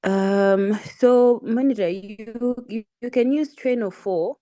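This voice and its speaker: Slow, hesitant woman from Malawi. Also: fairly high pitch, mellow, dry recording. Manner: hesitant, many ums, laughs nervously. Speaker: student. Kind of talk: answering in an online tutorial.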